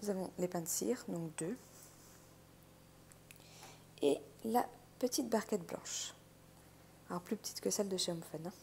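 A woman with vocal fry and a gravelly morning voice, chatting through an unboxing and thinking aloud. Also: mid-range voice, unhurried, long pauses, darkish tone. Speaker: craft unboxing host. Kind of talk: casual unboxing chat. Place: indoors at a wooden table. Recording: handling clicks and crinkling noise. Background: crinkling plastic, clicks.

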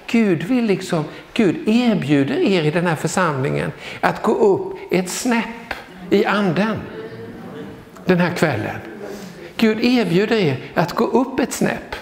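A man in his sixties giving a lively charismatic sermon, exclaiming hallelujah and joking with the congregation. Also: high voice, vocal fry. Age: 60s. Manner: exclamatory, peppers talk with hallelujahs, joking asides. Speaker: guest preacher. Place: church sanctuary. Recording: echoey church hall with long reverb.

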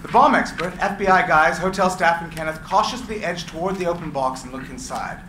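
At a live screenplay reading in a gallery room before a seated audience, a man reads the stage directions briskly and matter-of-factly. His voice is fairly high, pushed and bright, and the echoey room leaves a clear hiss on the recording.

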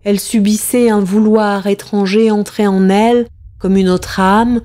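A woman's voice: medium pitch, dark tone, slight background noise. A woman giving a dramatic reading of a classic tale, impassioned and rising to anguished cries in the tense passages. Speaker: reader.

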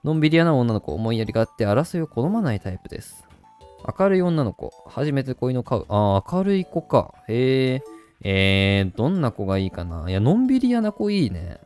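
Animated man chatting over a pet game. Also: medium pitch, fairly quick, soft background music. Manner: chatty and doting, reads on-screen game text aloud. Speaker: gaming channel host. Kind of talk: casual game commentary.

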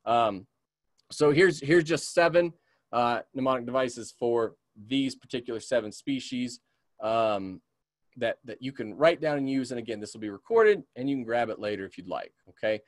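A community naturalist from the American West teaches a webinar for beginning birders in an expressive, mid-range voice at a moderate pace. He regularly asks "okay?" and imitates bird calls. The studio sound is clean, with no room sound.

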